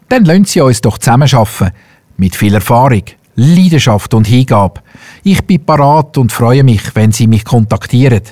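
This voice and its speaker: Warm man reading a voice reel. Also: mid-range voice, dry recording. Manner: polished, warm promotional delivery. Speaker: radio host and voice-over artist. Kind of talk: scripted self-promotional voice reel.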